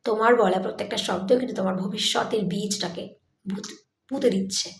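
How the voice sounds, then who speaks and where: A woman's voice: mid-range voice, a little fast, creaky, roomy sound. A woman giving a motivational talk, speaking directly to the listener in an earnest, coaxing way.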